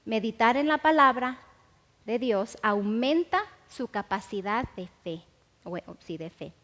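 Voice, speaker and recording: A woman teaching a sermon, repeating key phrases slowly and with emphasis, with frequent restarts. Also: on the high side, expressive, a bit bright. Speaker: Bible teacher. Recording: long hall reverb.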